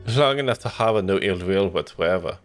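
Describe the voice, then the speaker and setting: A man's voice: sits low, lively intonation, a little fast, clear, resonant tone, faint music behind. A man voicing a dim, defensive nanny character in a detective game, dopey and evasive. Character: slow-witted, defensive dumb-guy nanny in cartoonish game.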